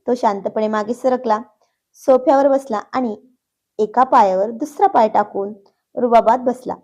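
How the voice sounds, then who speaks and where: Mellow-voiced woman telling a story. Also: fairly high pitch, a little slow. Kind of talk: storybook narration. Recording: dull, muffled recording.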